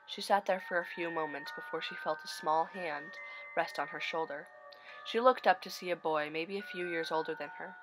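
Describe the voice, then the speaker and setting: Female horror-story narrator, lowish bright voice, scripted read over faint music. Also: moderate pace, poor audio. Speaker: narrator of online horror stories.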